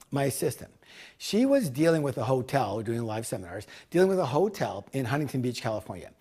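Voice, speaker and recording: A man pitching a business course as a seminar speaker, emphatic and salesman-like, repeating key words for punch. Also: mellow.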